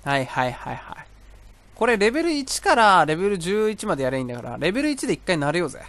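A young man with a high, sing-song voice and a fairly bright tone talks fast as he casually commentates a video game he's playing. It's let's-play style: he rambles to himself between exclamations while game music plays behind him.

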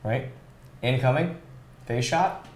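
A man's voice: mid-range voice, slow, reverberant, a little hiss or hum. A man co-hosting a casual livestream, joking playfully while taste-testing food at home. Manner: playful, jokey. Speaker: co-host.

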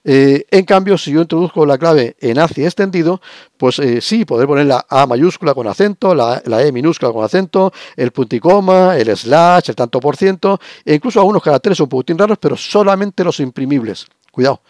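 A man's voice: on the high side, lively intonation, brisk, darkish tone, dry recording, clean studio sound. Man teaching over screen share. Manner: explanatory, frequent rhetorical checks. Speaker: lecturer. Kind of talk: recorded screen-share lesson.

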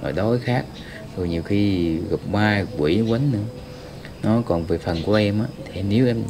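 Low-voiced man, earnest. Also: creaky, background noise. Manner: earnest, gently persuading. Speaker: ghost-hunting vlog host. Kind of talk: talking to a spirit.

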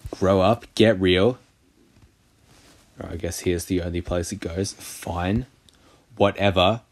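A man's voice: low-pitched, fairly even intonation, takes it slowly. A man doing casual gameplay commentary, sarcastic and crude, mocking the game. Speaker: gaming channel host. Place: voice-over of a mobile game.

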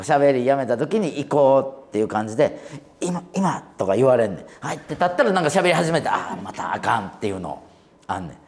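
A man in his forties with a Kansai accent, a comedian hosting a talk show and telling a lively story with laughs. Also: mid-range voice. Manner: animated, laughing anecdote-telling. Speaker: comedian host.

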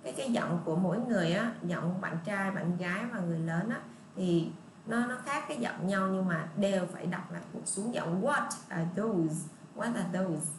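A woman teacher with a Southern Vietnamese accent, patiently explaining English words to young children and repeating model sentences slowly. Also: fairly low pitch. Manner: patient, repetitive, drawn-out model readings. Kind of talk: online lesson explaining English pronunciation. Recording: echoey room with faint ambient noise.

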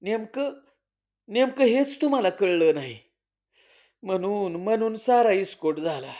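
A man voicing an earnest rural mother, steady and protective, speaking in a firm counselling tone. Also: high-pitched, unhurried. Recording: slightly dull lo-fi recording.

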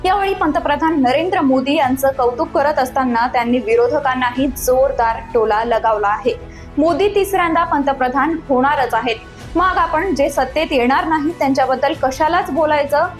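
Woman, news presenter, high voice, emphatic headline delivery, scripted narration, music bed behind.

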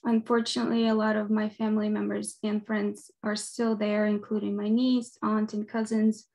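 A woman's voice: medium pitch, level tone, moderate pace, darkish tone. A young woman from Ukraine, giving an earnest, friendly webinar presentation over a video call. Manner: friendly, earnest, with frequent ums.

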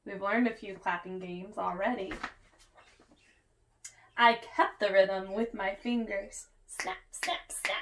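A woman's voice: mid-range voice, steady tone, slow, pauses often, fairly bright tone, a little hiss or hum. A woman reading a children's picture book aloud as a teacher, chanting the rhythm words in a sing-song way and inviting the kids to join in.

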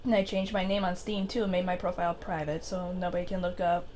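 A woman's voice: fairly low pitch, level tone, quick pace, a little mellow, a little hiss or hum. A woman casually narrating her gameplay, chattily laying out her plans for pranks on her friends. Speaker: gameplay commentator.

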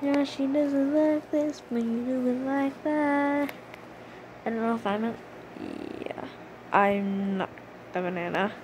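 A young gaming channel host comments casually while playing a game, playful and chatty, now and then chanting in a sing-song way. Her voice is high-pitched and slow, and the background is noisy.

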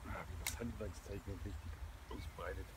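A man in his forties, filming his own casual vlog while fishing at a pond and exclaiming excitedly as he lands fish. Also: deep voice, moderate pace. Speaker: angler filming himself. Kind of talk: casual outdoor vlog commentary. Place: outdoors at a pond bank. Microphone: handheld camera, often set at a distance. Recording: outdoor camera audio with steady background noise.

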